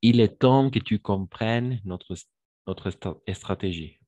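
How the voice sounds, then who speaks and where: Low, unhurried male language teacher, patient and encouraging, dry close mic. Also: dark tone, dry recording, lo-fi sound. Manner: patient, repeats forms slowly and praises students. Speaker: French teacher. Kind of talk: online French grammar lesson.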